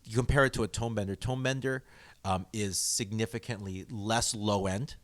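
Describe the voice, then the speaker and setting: A man's voice: on the low side, fairly even intonation, normal speed. A man hosting a podcast, chatting with enthusiasm about guitar effects and laughing often. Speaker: podcast host. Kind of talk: casual gear chat.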